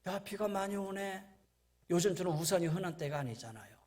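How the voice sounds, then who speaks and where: In a church sanctuary, a middle-aged pastor with a high, animated, slightly mellow voice preaches a sermon at a fairly quick pace. He tells anecdotes, acts out the voices of the people in them, and rises to emphatic peaks.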